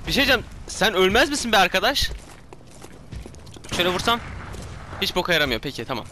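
A man commenting on his own gameplay, talking to himself, yelling and swearing when startled, his throat sore from shouting. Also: sits high, big pitch swings, quick pace, a little hiss or hum. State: hoarse from shouting. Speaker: gameplay streamer.

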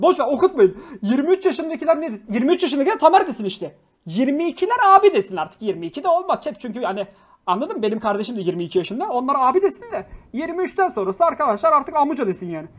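High-voiced young man ranting on a livestream. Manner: swears freely, flares into angry outbursts then apologizes; slangy, jokey, affectionate with viewers. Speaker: livestream host. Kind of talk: casual livestream chat reading viewer messages.

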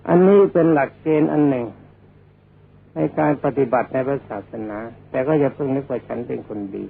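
An older man, a senior Buddhist monk, giving a Dhamma sermon in a deliberate, didactic old man's manner with a gravelly, husky voice. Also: mid-range voice, a little hiss or hum. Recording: dull, lo-fi old radio-like recording.

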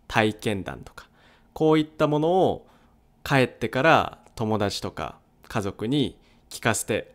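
A man hosting a language-learning podcast, explaining a topic in a clear, unhurried monologue with frequent soft "un" fillers. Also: fairly low pitch. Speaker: podcast host teaching Japanese. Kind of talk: solo educational podcast monologue.

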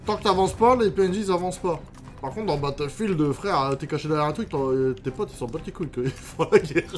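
A man's voice: on the high side, brisk. A man giving casual let's-play commentary as a gamer, slangy, sweary and grumbling. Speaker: gaming streamer. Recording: game music behind the voice.

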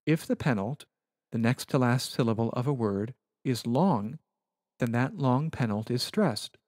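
A man giving a recorded Latin lecture over slides, explaining rules in a measured, precise manner. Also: medium pitch, animated, a little mellow, dry recording, studio quality.

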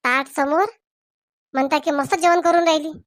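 A woman playing a sharp-tongued young daughter-in-law who fires back quick retorts. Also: high voice, fairly even intonation, no echo, studio quality, close to an everyday voice. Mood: snapping.

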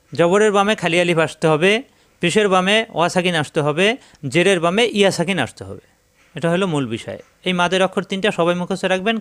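A man's voice: sits high, a bit bright. A man teaching a Quran recitation lesson, patiently repeating rules and drawing out letter sounds for students to memorize. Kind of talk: step-by-step tajweed lesson.

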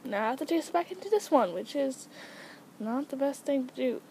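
A woman's voice: high voice, animated, fairly quick, a little mellow, a little hiss or hum, rough recording. Teenage girl coaxing her guinea pigs. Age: teens. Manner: coaxing sing-song calls to her pets between explanations. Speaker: guinea pig owner demonstrating training. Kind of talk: casual home tutorial. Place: at home beside a guinea pig cage.

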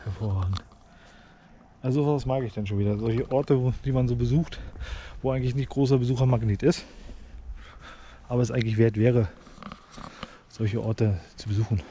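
A man's voice: medium pitch, steady tone, brisk, long pauses, warm tone, slight background noise. A man giving casual, appreciative, unscripted vlog commentary while sightseeing on foot. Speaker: vlogger. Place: outdoors, walking around an open castle ruin.

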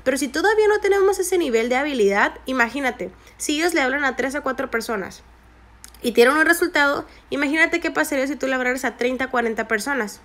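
A woman's voice: high voice, animated, quick pace, a bit bright. Chatty young woman. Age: 20s. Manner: chatty, repeats points for emphasis. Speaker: network marketing vlogger. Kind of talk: screen-recorded tutorial narration.

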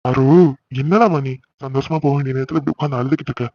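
A man voicing a gentle father who consoles his daughter, speaking softly and reassuringly. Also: medium pitch, level tone, racing, highs cut off, lightly acted. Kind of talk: cartoon voice acting.

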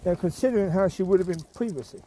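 A man's voice: high voice, quick pace, warm tone. A man chatting casually as he walks his dogs outdoors along a countryside path, rambling and often restarting or trailing off. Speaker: vlogger and dog owner. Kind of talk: walk-and-talk vlog.

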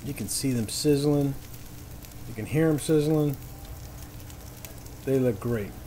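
The recording is rough: a man with a warm, mid-range voice speaks slowly while hosting an outdoor cooking demo. He gives easygoing, folksy instructions next to a griddle on a paved patio, where food sizzles and fries clearly.

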